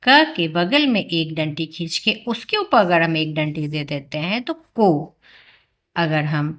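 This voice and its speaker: A woman teaching the Hindi alphabet to children, explaining patiently and reciting the syllables loudly and slowly. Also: lowish voice. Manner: slow, patient, drawn-out syllables, raises voice when reciting letters.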